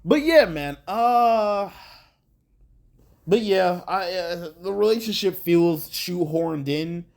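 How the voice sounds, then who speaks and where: A man's voice: sits high, animated, slow pace, vocal fry. A man talking through his thoughts on a show in a casual, rambling way, with many fillers and restarts and some casual swearing. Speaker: show reviewer. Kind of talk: casual video review.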